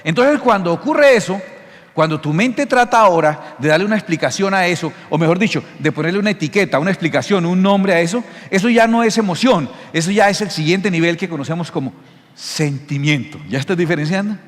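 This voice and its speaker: Pastor guy preaching, pretty high voice, lively jokey teaching, big hall echo. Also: fairly quick. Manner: animated, jokey teaching with frequent check-in questions. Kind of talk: sermon. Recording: long hall reverb.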